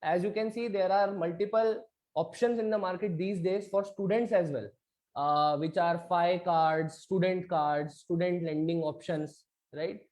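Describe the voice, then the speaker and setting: Speaking in a high, steady, slightly mellow voice at an unhurried pace, a male instructor with an Indian accent leads an interactive online lecture in two languages over video. He often uses tag questions to confirm his listeners are following.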